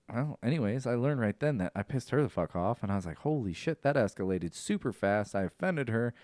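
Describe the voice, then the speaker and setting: Profane, animated man telling stories. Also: on the low side, no room sound, clean studio sound. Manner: profane, animated storyteller, voice jumps when excited. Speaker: podcast host. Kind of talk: casual storytelling chat.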